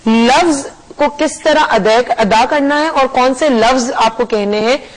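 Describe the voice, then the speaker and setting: A woman's voice: high voice, unhurried, low-quality recording. Chatty woman hosting a talk show. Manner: chatty, mixes English phrases into her talk. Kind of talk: casual TV talk show chat.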